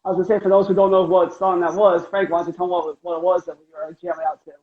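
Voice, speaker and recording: Man, clipped cutting-out call line, easygoing, laughs a lot, fairly high voice, dull lo-fi sound, echoey room. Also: flat delivery, very fast. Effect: clipped, cutting-out video call line. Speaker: guest musician. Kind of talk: casual chat. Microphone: remote video call over Wi-Fi.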